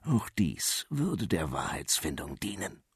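Guy doing a low soft-spoken minister, careful and polite. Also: very animated, measured pace, slightly rough, no room sound, studio quality, exaggerated voice. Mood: deferential. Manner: soft, deferential. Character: smooth hesitant male minister.

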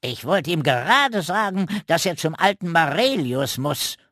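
A man voicing a boastful, long-winded old male raven with a quick temper, in a children's storybook reading. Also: a little high, big pitch swings, sharp tone, no echo, clean studio sound, pitched above the performer's own voice, exaggerated voice. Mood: huffy. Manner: pompous and long-winded, snapping when crossed.

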